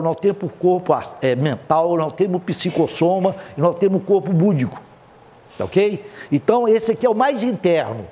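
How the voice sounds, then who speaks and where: High-voiced man giving a spiritist seminar. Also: dark tone. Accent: Brazilian Portuguese. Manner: explanatory, frequent "tá ok?" check-ins with the audience. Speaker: spiritist lecturer. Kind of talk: seminar lecture to a live audience.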